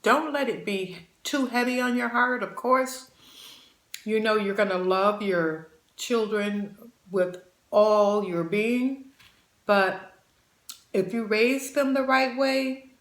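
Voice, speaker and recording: A woman in her sixties hosts her channel, eating as she chats and offering folksy, motherly advice to viewers she calls babies. Her mid-range voice is a bit bright and unhurried, heard in an echoey room.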